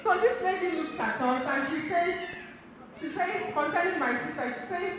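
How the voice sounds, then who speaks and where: With a very high, lively voice at a moderate pace, a middle-aged Igbo woman speaks straight to a seminar audience, telling stories and laughing a lot in her motivational talk. She's in a community center hall, where the recording is very echoey and noisy, with a crowd audible behind her.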